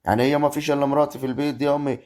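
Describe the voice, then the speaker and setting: A man as a young Egyptian village husband, talking at breakneck speed and exasperated with his mother. His voice is mid-pitched, in a homemade web drama. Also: little pitch movement, racing, darkish tone, natural voice. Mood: arguing. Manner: exasperated, arguing. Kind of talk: amateur rural family drama acting.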